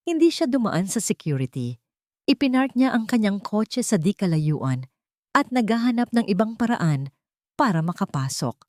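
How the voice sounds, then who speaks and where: Narrating a scripted dramatic story, this Filipino-accented woman speaks with a fairly low pitch and a somewhat dark tone. The recording is clean studio audio without any echo.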